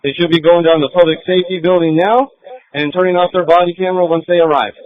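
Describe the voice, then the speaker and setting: A man giving brisk, clipped orders in radio codes as a police officer running a scene, heard over police radio. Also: high-pitched, steady tone. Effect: police radio transmission. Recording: tinny dry police radio.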